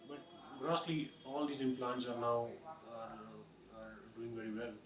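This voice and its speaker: A man's voice: mid-range voice, level tone, measured pace, crowd noise. A man with an Indian accent giving a formal, explanatory medical talk as a surgeon, with hesitant phrasing. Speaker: orthopedic surgeon. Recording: echoey room, distant mic, clear noise.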